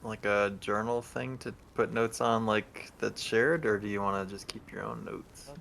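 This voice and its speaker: A man acting as game master in a casual tabletop session, laid-back and quick to laugh. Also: on the low side, fairly even intonation, gravelly, a bit bright.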